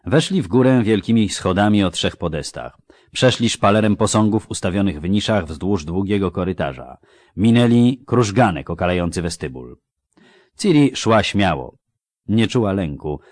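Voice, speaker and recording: A man narrating a fantasy novel in a measured, dramatic storytelling manner. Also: low-pitched, lively intonation, a little mellow, no echo. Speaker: audiobook narrator.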